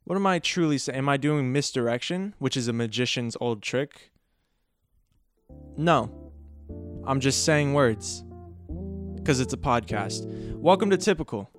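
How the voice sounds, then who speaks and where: A man's voice: medium pitch, expressive, measured pace, long pauses, soft background music. A man hosting a solo podcast, telling a story casually in a joking, rambling way and often correcting himself. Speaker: podcast host.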